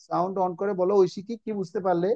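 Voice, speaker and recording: Teacher, middle-aged man, online class, slow repetitive drilling, mellow dull-sounding voice. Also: high voice, flat delivery, vocal fry, no room sound. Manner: slow drilling repetition of words, quizzing students. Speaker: religious course teacher. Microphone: online video call.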